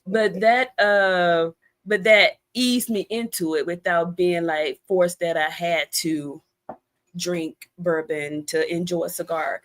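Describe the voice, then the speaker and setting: Speaking slowly and steadily, this American woman has a lowish voice with a fairly bright tone. She's an interview guest, an author and cigar expert, casually explaining things as if chatting.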